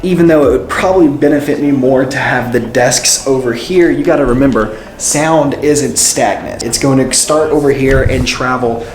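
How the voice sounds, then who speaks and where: A man's voice: mid-range voice, moderate pace, hardly any pauses. A man hosting a casual, explanatory vlog in an informal way, recorded in a bare room with a hallway-like echo. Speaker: host, musician and YouTuber. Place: indoors, bare untreated room being made a studio.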